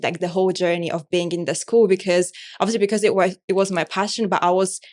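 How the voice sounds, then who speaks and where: A woman's voice: on the low side, level tone, quick pace, a little mellow. Polish woman rambling through an interview. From Poland. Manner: rambling, many fillers like "like" and "you know". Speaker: interview guest, artist and business owner. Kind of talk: casual conversational interview.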